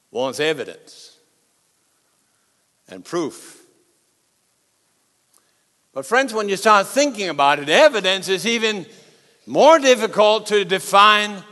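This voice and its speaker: Authoritative high-pitched male preacher in a hall. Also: a bit bright. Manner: authoritative, emphatic; deliberate pauses between short phrases. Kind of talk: sermon to a congregation and broadcast audience. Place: large reverberant hall before a congregation. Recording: long hall reverb.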